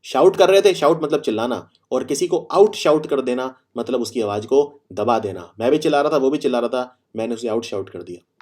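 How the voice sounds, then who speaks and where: A man teaching vocabulary. He explains each word through everyday examples, repeats key phrases, and reads the example sentences slowly and deliberately. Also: medium pitch, dark tone. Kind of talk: Hindi-English vocabulary lesson.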